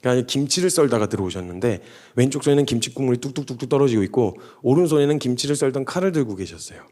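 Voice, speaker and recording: A man preaching a sermon to young adults, animated and storytelling with humorous asides. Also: medium pitch, rapid-fire.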